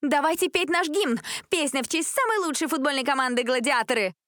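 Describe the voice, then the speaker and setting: A woman reading an audiobook voices a loud, excitable teenage girl who captains the cheerleading squad. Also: sits high, brisk, no echo, studio quality, voice pushed up. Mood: shrill, indignant. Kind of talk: audiobook character voice.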